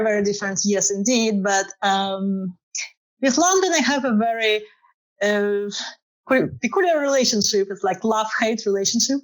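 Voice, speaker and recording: A photographer guest with a Russian accent answers interview questions casually in a mid-range voice, using many fillers and laughing often. The recording is rough.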